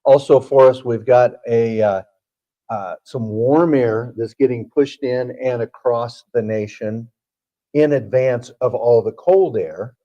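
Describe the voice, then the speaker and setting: Weatherman chatting thru the forecast, warm low tone, kinda muffled audio. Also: takes it slowly. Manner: folksy, explanatory, with frequent fillers. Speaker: TV meteorologist. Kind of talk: broadcast weather chat.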